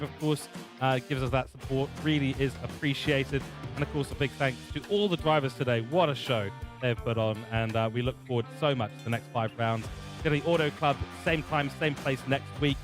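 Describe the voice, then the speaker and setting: Chatty New commentator man. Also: on the high side. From New Zealand. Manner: chatty, jokey, many fillers. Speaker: race commentator. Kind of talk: sim racing broadcast sign-off.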